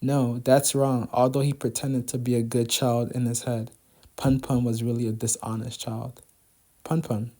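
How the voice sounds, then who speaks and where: A man reading a manga aloud as narrator, in a subdued, quiet manner. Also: medium pitch, level tone, normal speed. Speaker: manga reader.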